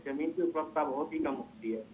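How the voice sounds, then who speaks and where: A man's voice: a little high, brisk, slight background noise. Man on an echoey phone-line feed. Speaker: panel guest. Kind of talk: studio panel discussion.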